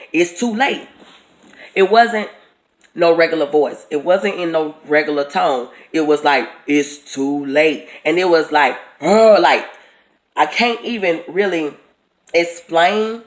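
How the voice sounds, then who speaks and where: A woman's voice: lowish voice, low-quality recording. A woman telling a personal testimony of a dream in an earnest, storytelling way, repeating her words for emphasis.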